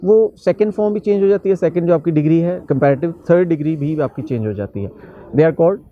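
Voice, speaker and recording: A man with a slightly high voice teaching an English grammar lesson, working through one example after another. He slows down carefully for each example phrase. The recording sounds muffled and lo-fi. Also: no echo. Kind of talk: grammar lecture.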